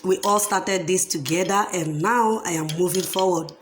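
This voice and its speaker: A woman's voice: lowish voice, normal speed, noisy background. A young woman vlogger chatting casually to her viewers, affectionate and repetitive, calling herself by her own name. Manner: affectionate, chatty, repeats herself, talks about herself in the third person. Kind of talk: casual talk to camera.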